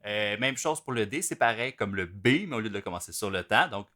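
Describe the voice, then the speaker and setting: A man, explaining drum rudiments in a relaxed, casual way with many fillers. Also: on the low side, fairly quick, over loud music. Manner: relaxed, talks through patterns with many fillers. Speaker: drum teacher.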